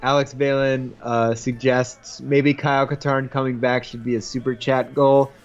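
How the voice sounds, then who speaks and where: A man comments on someone else's gameplay, teasing him with dry humor. His voice sits at a plain middle pitch. The audio is a little dull, with faint game music behind. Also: flat delivery, normal speed. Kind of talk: casual gameplay chat.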